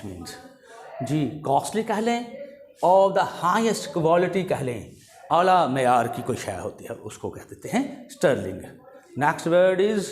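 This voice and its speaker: A man's voice: a little high, a little mellow. A man teaching English vocabulary, explaining each word in Urdu and English and checking in with "okay?". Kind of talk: classroom vocabulary lesson.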